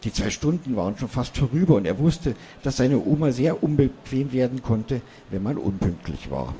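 A man calmly reading a children's story aloud. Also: mid-range voice, moderate pace, slight background noise.

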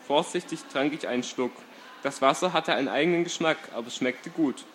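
A man reading a first-person story aloud in a calm, steady way. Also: fairly high pitch, a little fast, slight background noise.

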